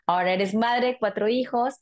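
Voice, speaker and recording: A woman's voice: fairly high pitch, normal speed. A woman hosting a TV interview, asking her guest questions in an earnest, encouraging way. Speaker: host. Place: small studio set.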